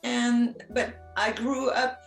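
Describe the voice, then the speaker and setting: Slow French-accented woman, echoey room. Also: fairly high pitch, fairly even intonation, gravelly, soft background music. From France. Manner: slow, halting, many ums, soft laughs. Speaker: guest artist. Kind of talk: casual interview chat.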